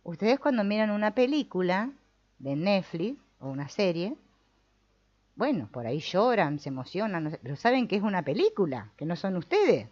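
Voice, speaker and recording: A woman's voice: lowish voice, moderate pace. A woman, teaching a spiritual talk on the mind and acting out inner voices. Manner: lively, acts out inner voices. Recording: slightly dull lo-fi sound.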